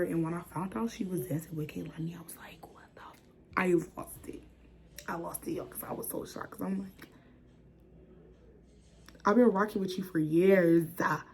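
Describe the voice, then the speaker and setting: A young woman from the chatting casually through a storytime vlog, dropping into whispers and jumping high when she acts out what people said. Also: creaky. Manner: animated, acts out quotes with sudden whispers and high squeals. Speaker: vlogger.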